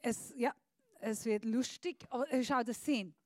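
A woman preaching a sermon into a handheld microphone, speaking slowly and deliberately, and swinging between soft passages and emphatic, louder ones. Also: fairly high pitch, dry recording. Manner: slow deliberate phrasing with pauses.

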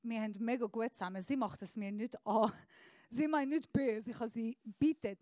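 High-pitched woman preaching into a handheld mic, slow deliberate pauses, goes soft then loud. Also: no room sound. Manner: emphatic, swings between soft and loud. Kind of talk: sermon. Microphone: handheld microphone.

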